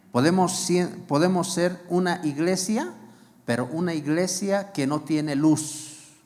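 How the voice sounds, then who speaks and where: Male pastor, fairly high voice, slow deliberate sermon delivery, repeats phrases and asks the congregation questions, church hall reverb. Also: darkish tone.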